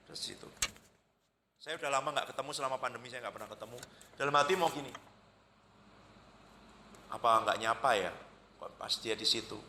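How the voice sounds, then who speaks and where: Bright-voiced Javanese pastor telling stories. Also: male voice, medium pitch, in a large hall, slight background noise. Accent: Indonesian, Central Java. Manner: chatty, anecdotal, acts out quoted voices with lively jumps. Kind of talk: conversational sermon storytelling. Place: church worship hall.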